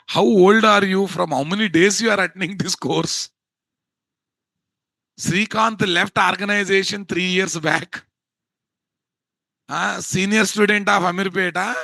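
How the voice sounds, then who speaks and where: A man with a Telugu Indian accent teaching an informal live software class in an exasperated, scolding way, often firing rhetorical questions at his students. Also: high voice, creaky, dry recording. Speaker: instructor of a software course.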